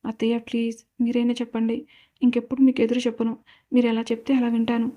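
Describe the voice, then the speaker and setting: A woman's voice: a little high, completely flat delivery, fast, dark tone, highs cut off, lightly acted. A woman voicing a proud, overbearing middle-aged mother in a storybook drama, indignant and demanding. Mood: pleading.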